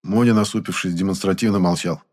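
A man's voice: low-pitched, fairly even intonation, fast, a little mellow. A man narrating an audiobook in the first person with a wry, ironic tone.

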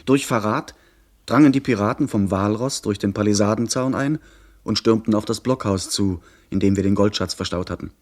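In a radio play, an actor with a lowish voice narrates as a young gentleman recounting a pirate adventure. His storytelling is measured and literary, lightly acted, with a tense mood.

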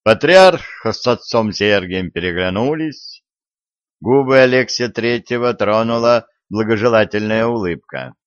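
A man narrating an audiobook in a steady, even storytelling manner. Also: lowish voice, unhurried, dry recording. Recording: dry, dull lo-fi audio.

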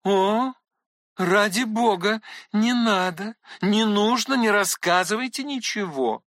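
A man reading a gentle, teasing young noblewoman's lines in an audiobook, soft and indulgent. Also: sits high, unhurried, no echo, clean studio sound. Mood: pleading.

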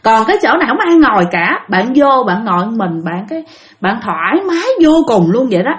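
A woman's voice: fairly high pitch, very animated, brisk. A woman retelling spooky stories in a chatty way, often addressing the listeners directly. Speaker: storyteller.

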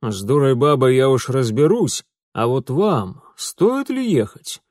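A man's voice: medium pitch, big pitch swings, a little slow, a little mellow, no echo, studio quality. A man voicing a shrewd, wry middle-aged detective father. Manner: wry, businesslike.

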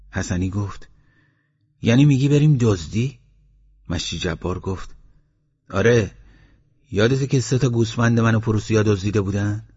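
A man's voice: lowish voice, darkish tone, breathy edge. A man narrating an audiobook of village stories, raising his voice for the villagers' lines. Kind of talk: storytelling audiobook reading. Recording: dull lo-fi recording.

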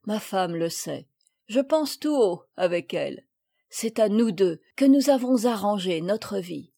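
A woman reading the part of a gentle older father, speaking calmly and kindly. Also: medium pitch, a little slow, gravelly. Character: gentle older male father, naval officer.

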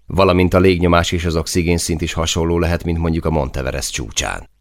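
A man voicing a thoughtful male soldier who explains things calmly. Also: sits low, pitched above the performer's own voice. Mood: explaining. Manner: explanatory, measured.

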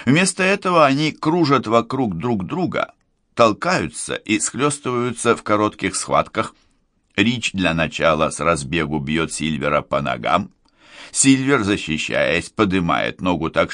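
A man narrates a novel in a deep, low voice. His intonation moves a lot, and his reading is expressive. The recording is dry and close, with no room sound. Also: a little slow, no echo. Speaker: audiobook narrator.

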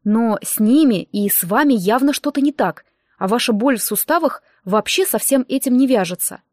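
A woman's voice: a little high, expressive, normal speed, a little mellow, no echo, clean studio sound. A woman voicing a kindly, puzzled middle-aged male doctor who fumbles through hesitant explanations.

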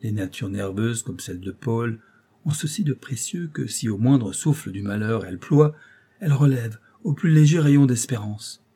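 A man reading a novel aloud as an audiobook narrator, in a measured storytelling manner. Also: medium pitch, animated, dark tone, husky.

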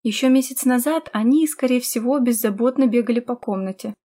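A woman reading a fantasy audiobook in steady, scripted storytelling narration. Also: a little high, brisk.

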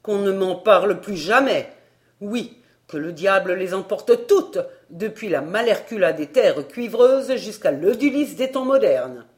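Indignant grown man, gruff and fed up, voiced by a woman narrator, pitched low. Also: sing-song, takes it slowly, full character voice. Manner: gruff, exasperated. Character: indignant grown man, first-person hero.

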